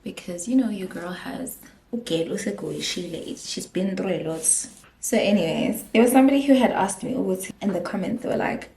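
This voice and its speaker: A woman's voice: mid-range voice, animated, a little fast, creaky, dark tone, slight background noise. A young woman with a South African accent, chatting casually through a storytime vlog, giggly and dropping in Zulu phrases while getting ready at home. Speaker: vlogger, makeup artist. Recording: echoey room.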